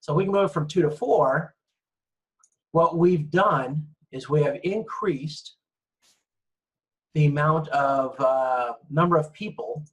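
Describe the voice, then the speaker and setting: A man gives a relaxed online lecture over screen-shared slides, explaining in a chatty style and regularly checking in. He has a mid-range voice, captured in a low-quality recording.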